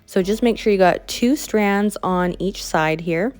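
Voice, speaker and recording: A woman's voice: medium pitch, a little slow, darkish tone, smooth, soft background music. A woman with a Canadian accent, explaining a craft project step by step in a friendly, chatty way. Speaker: craft instructor. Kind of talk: tutorial voice-over.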